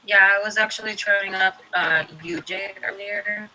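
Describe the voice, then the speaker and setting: A woman's voice: mid-range voice, steady tone, normal speed, bright, forceful tone. Crackly call-line woman, staticky and distant. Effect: crackly, breaking-up call audio. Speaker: trading group member. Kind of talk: casual chat on a call. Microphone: remote call connection.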